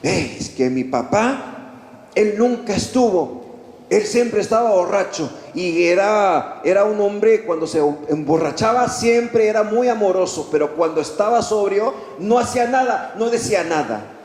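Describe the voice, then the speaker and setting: A man's voice: sits high, expressive, a little slow, a little mellow, pitched above the performer's own voice. A man voicing a troubled woman who confides hesitantly in a priest, in an echoey hall. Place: large conference hall.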